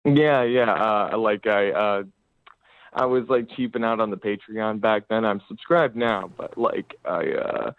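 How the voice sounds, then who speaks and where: A man's voice: lowish voice, a little slow, no echo. A male caller talking over the phone in a rambling way, full of fillers. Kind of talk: casual call-in chat. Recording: tinny dry phone line.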